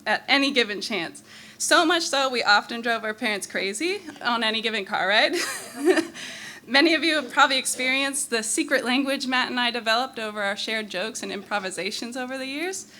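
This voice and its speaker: Bright-voiced woman giving a fond eulogy. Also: on the high side. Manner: fond and humorous, laughing between lines. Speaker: eulogist, younger sister. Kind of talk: prepared memorial speech.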